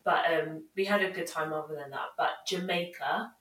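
A woman's voice: low voice, moderate pace, fairly bright tone. A young British woman chatting casually and telling anecdotes as a podcast co-host, peppering her talk with "like". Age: young adult. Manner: chatty, self-mocking, heavy use of "like". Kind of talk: casual chat, animated anecdotes. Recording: roomy echo, distant from mic.

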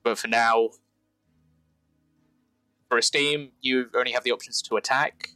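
A man's voice: medium pitch, fairly even intonation, unhurried, bright, forceful tone, clean tone, no room sound, soft background music, low-quality recording. A man narrating a tabletop role-playing game as game master.

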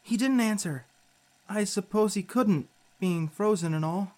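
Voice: mid-range voice, unhurried, darkish tone, natural voice. A performer playing a spirited, sarcastic youngster who narrates an audio drama in an informal, candid way. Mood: tense recounting.

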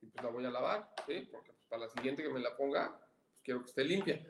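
Animated man in an echoey room. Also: mid-range voice, quick pace, a little hiss or hum. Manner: animated, acts out quoted voices, repeats words for emphasis. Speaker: podcast co-host. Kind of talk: casual chat.

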